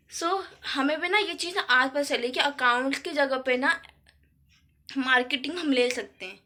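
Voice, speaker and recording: Chatty teenage girl, bright voice. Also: sits high. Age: teens. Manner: chatty, filler-heavy storytelling. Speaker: vlogger. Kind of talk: casual vlog chat.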